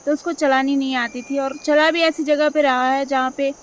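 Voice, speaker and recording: High-voiced young woman vlogging casually. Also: steady tone, normal speed, slight background noise. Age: young adult. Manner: rambling, repeats herself, many fillers. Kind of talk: casual talk to camera.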